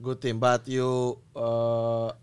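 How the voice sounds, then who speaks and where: A man from Indonesia co-hosting a podcast, chatting playfully in halting English. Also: mid-range voice, monotone, clean tone, no room sound. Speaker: podcast co-host. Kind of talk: casual interview chat.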